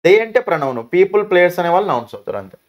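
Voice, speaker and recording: Male teacher with a Telugu accent, quick and high-pitched, runs a classroom grammar drill with rhetorical questions. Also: animated. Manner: asks questions and answers them himself, calls students "nanna". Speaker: English teacher.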